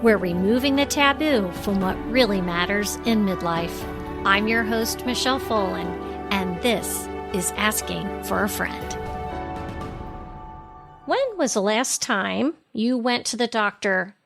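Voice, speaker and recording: A middle-aged woman hosting a podcast, introducing a guest and asking questions in a measured, deliberate way. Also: mid-range voice, lively intonation, gravelly, over loud music. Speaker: podcast host. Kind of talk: scripted intro and interview questions.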